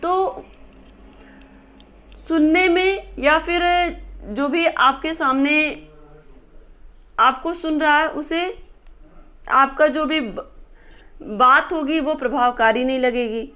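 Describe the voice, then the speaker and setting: A woman teacher talks through exam questions in a recorded lesson, her voice sitting high. She explains each answer step by step, circling back to rephrase and repeat each point. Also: fairly bright tone.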